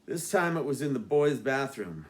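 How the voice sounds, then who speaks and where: An author reads his own novel in a mid-pitched male voice. He tells the story with dry, deadpan humor. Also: normal speed. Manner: wry, deadpan asides. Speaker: author reading his book. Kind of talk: audiobook narration.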